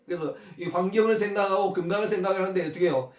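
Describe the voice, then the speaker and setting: A man's voice: high voice, very fast, darkish tone. A male pastor preaching a sermon, full of rhetorical questions and frequent checks with the congregation. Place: church sanctuary. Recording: echoey church hall, mic at a distance.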